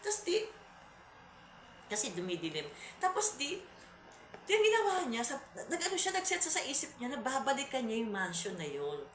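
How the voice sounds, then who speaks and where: A woman's voice: high voice, huge pitch swings, moderate pace, long pauses, a bit bright. A woman vlogger telling a horror story in a casual, rambling way, repeating words and restarting. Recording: echoey room.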